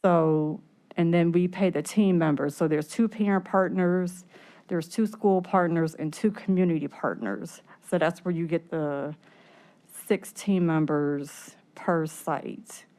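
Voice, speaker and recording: Woman presenter, low and clear, speaking through a face mask, slightly breathless, explaining haltingly in a formal meeting. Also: dark tone. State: short of breath behind the mask. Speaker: program staff presenter at a committee meeting. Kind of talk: explanatory answers at a public meeting.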